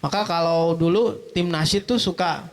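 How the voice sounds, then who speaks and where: A man giving a lively public speaking workshop at a mosque event. He asks the audience questions, answers them himself, and tags many of his sentences with "gitu ya.". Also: fairly high pitch, moderate pace. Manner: animated, with frequent "gitu ya" tags.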